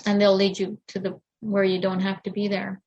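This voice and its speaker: A woman's voice: mid-range voice, monotone, moderate pace, a little mellow, muffled recording. Earnest middle-aged woman wellness guest. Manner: earnest, encouraging, rambling with restarts. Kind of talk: podcast interview conversation.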